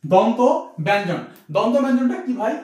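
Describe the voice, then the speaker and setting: A man's voice: very high voice, animated, brisk, darkish tone. A young man from Bangladesh teaching an admission-test grammar lesson, repeating terms and quizzing the listener as he goes. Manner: repetitive, quizzing, asks "ঠিক আছে?" often. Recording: echoey room, distant from mic.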